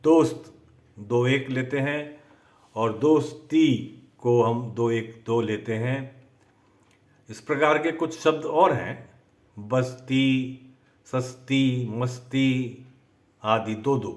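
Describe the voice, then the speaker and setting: Slow, deliberate man teaching poetry. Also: medium pitch. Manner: slow, careful dictation of word lists. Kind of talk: slow methodical lesson.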